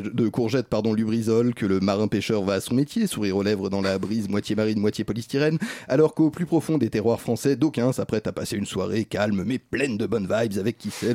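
A man's voice: on the low side, warm tone, no room sound, clean studio sound. Pompous mock-solemn male columnist. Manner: pompous, mock-grandiose oratory. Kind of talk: mock-solemn comic chronicle.

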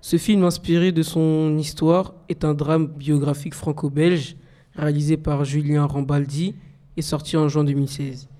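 A man's voice: on the high side, little pitch movement, normal speed, warm tone. A teenage boy reading his segment on a student radio show, recorded before an audience. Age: late teens. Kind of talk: reading a poem and a film review.

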